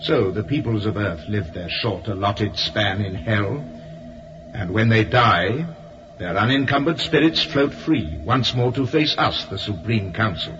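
A grave alien council voice, low, measured, radio play, lo-fi. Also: male voice, lively intonation, over music. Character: solemn collective voice of alien spirit council. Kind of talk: radio drama acting.

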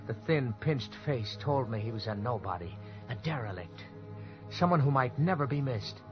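An actor, lightly acted and animated, voices a frightened young man telling the story of his frantic cover-up like an old radio thriller, stammering under pressure. His pitch is medium and his pace moderate. Loud music plays over a dull, old-sounding recording.

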